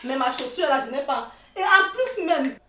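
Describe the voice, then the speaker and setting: A woman with a Cameroonian accent playing a jealous girlfriend who shouts and accuses in a comedy sketch. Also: high voice, animated, moderate pace, slight background noise. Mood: agitated. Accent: Cameroonian French. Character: jealous young woman, hotheaded and insistent. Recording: echoey room, mic far off.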